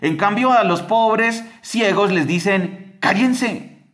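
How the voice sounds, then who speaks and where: A man with a slightly high voice gives a lively Bible teaching on a podcast. He moves his pitch up and down a lot and keeps asking listeners rhetorical questions as he explains. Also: takes it slowly. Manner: animated, acts out quoted voices with big pitch jumps.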